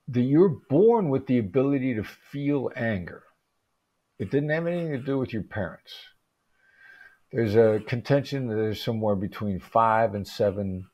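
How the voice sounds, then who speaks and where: A man as an interview guest, explaining calmly and in measured terms, with occasional restarts. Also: fairly low pitch. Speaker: interview guest, negotiation expert.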